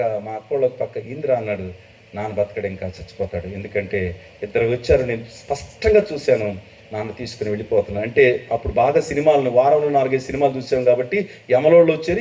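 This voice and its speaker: A middle-aged man preaching a testimony sermon, telling his story with emotion and rising to loud, high bursts. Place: church gathering. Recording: distant dull mic with faint noise.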